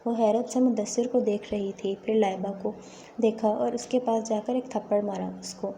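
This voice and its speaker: A woman narrating a dramatic story in a steady, even reading. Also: medium pitch, gravelly, a little hiss or hum.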